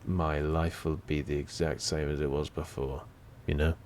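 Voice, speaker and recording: A man's voice: a bass voice, flat delivery, moderate pace, a little mellow, a little hiss or hum. A tired man, chatting casually and reading out viewer questions while gaming, in a laid-back, rambling, self-deprecating way. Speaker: streamer.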